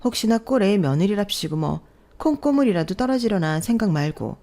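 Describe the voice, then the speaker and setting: A woman's voice: mid-range voice, very animated, fairly quick, dark tone. A woman doing snide mocking sisters-in-law. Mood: sneering. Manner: mocking and sarcastic. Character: sneering older sisters-in-law, condescending and mocking.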